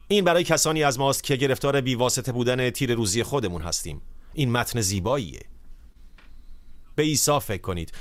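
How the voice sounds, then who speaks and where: A man preaching a sermon in an earnest, emphatic way, slowing down when he reads scripture. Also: mid-range voice, no echo.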